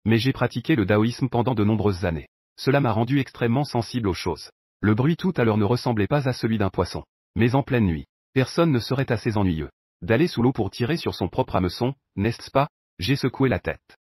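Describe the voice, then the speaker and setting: A man reading a comic recap aloud as scripted first-person narration in an even storytelling manner. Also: mid-range voice, brisk, slightly rough, no echo, clean studio sound.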